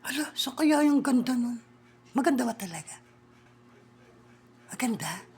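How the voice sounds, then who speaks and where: Woman, high voice, comedy skit, bossy and teasing, whispered side remarks. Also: lively intonation, unhurried, a little mellow, husky.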